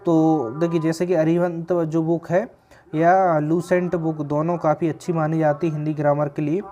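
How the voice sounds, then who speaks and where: Casting: male tutor, exam-prep lesson, slightly raised pitch, deliberate and explanatory. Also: little pitch movement, dark tone, lo-fi sound, soft background music. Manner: explanatory, slows to stress words. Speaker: Hindi grammar teacher.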